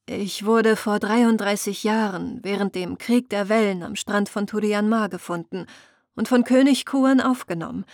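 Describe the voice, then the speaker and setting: A woman's voice: medium pitch, moderate pace, a little mellow, no room sound, clean studio sound, lightly acted. A woman voicing a grim, proud young woman warrior who speaks hard and bitter, in an audiobook reading. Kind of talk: audiobook character voice.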